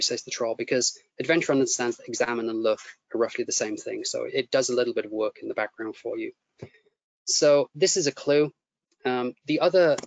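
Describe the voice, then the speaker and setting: A man teaching a coding lesson, explaining each step as he types and often repeating himself as he goes. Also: mid-range voice. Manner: explains step by step while typing, repeats words. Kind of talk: live coding tutorial. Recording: muffled lo-fi audio with faint noise.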